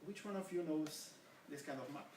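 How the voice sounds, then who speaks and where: With a slightly high, somewhat mellow voice at an ordinary pace, a middle-aged Portuguese man presents his education research at a seminar. He speaks English with a Portuguese accent, earnest in tone, and questions the audience. The mic is far away in an echoey space, and faint hiss is audible.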